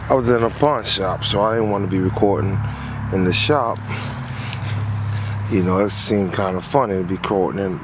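An HVAC technician talks through a repair job in a casual, rambling explainer, repeating himself as he goes. It was recorded on a phone outdoors on a lawn, and his fairly low voice comes with background noise.

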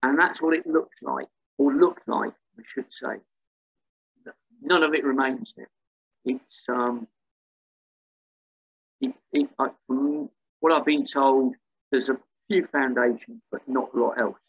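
A man's voice: mid-range voice, slow pace, vocal fry, pauses often, breathy edge, narrow, tinny audio. A man giving a slide lecture on local history, hesitant, with many ums and restarts. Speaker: museum talk speaker.

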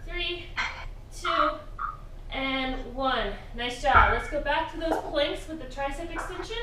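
A woman's voice: sits high, slow pace, pushed and bright, slight background noise. Upbeat woman coaching a home workout. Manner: upbeat, counting down, cheerful encouragement with laughs. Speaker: fitness instructor. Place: home garage gym, indoors. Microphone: far camera, exercising while talking. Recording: echoey room, voice from a distance.

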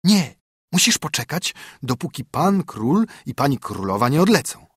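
A man's voice: medium pitch, very animated, normal speed, slightly rough, no room sound, studio quality. A man narrating an audiobook voices a cautious, deferential male wolf who warns his companion carefully.

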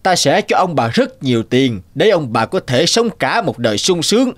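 A man voicing a greedy, cruel old landlord in a cartoon, blustering and shouting. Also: fairly high pitch, big pitch swings, moderate pace. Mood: scheming. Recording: cartoon with music behind.

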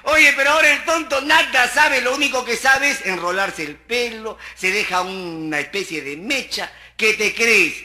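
Peruvian comic guy, high piercing voice, loud n rowdy, teasing the crowd. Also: moderate pace, hardly any pauses. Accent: Peruvian Spanish. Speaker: stand-up comic. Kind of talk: street comedy monologue.

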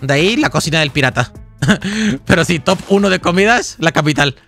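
A man's voice: a little high, animated, normal speed, vocal fry, a bit bright, faint music behind. A man, livestreaming a game and chatting casually in a rambling, jokey way as he reads out donations and chat. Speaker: gaming livestreamer. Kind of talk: casual live-stream chat while gaming.

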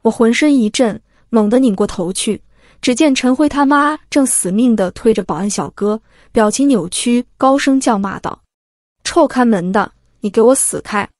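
High-voiced woman narrating a story. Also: moderate pace, darkish tone, dry recording, studio quality. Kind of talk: scripted first-person story narration.

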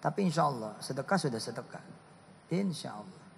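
A man preaching a lively sermon, swinging from loud bursts to hushed asides as he talks with his audience. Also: mid-range voice, brisk, gravelly, breathy edge. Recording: hall reverb.

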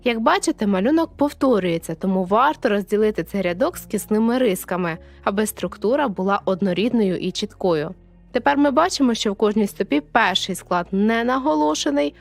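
A woman's voice: medium pitch, lively intonation, brisk, creaky, faint music behind. A woman teacher explaining poetic meter in a video lesson, addressing viewers directly and counting syllables aloud.

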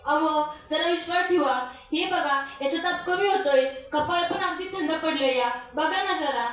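A woman's voice: very high voice, normal speed, a bit bright, a little hiss or hum. A young woman playing an anxious young village mother in an amateur radio drama, pleading and tearful. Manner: pleading, tearful, then determined. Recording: roomy and distant, music beneath.

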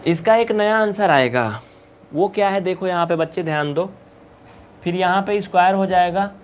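A man teaches basic algebra in a live online class, his voice sitting high for a man. He talks briskly and coaxingly, pushing students to answer quickly and scolding them playfully now and then. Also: slight background noise. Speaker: maths teacher.

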